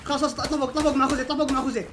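A man, streaming a game and calling out to his teammates with urgent repeated commands that burst into excited shouting. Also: very high voice, very fast, noisy background. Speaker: gaming streamer. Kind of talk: live game commentary to teammates. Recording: loud game music under voice. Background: game music and gunfire.

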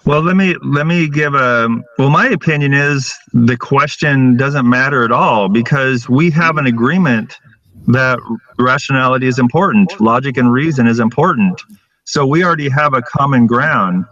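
A middle-aged man debating over a video call, making his case point by point in a steady way. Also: mid-range voice, normal speed, dull audio. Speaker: atheist debater. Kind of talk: casual debate.

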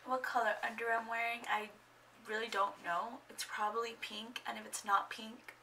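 Bright, gravelly-voiced young woman vlogging at home. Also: fairly high pitch, little pitch movement, normal speed, recorded from a distance, slight background noise, low-quality recording. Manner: rambling, awkward, lots of fillers. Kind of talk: casual get-to-know-me vlog. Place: at home indoors. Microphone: camera microphone.

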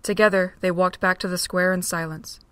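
A woman tells a fan-made audio drama at a slightly fast pace, her low voice steady and unadorned. It's captured close and dry, with no room sound at all.

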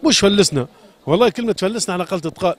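Racing and expressive, his voice sits high as this Sfax shoemaker with a Tunisian Arabic accent makes an agitated, impassioned complaint in a street interview. He repeats his questions and pleads.

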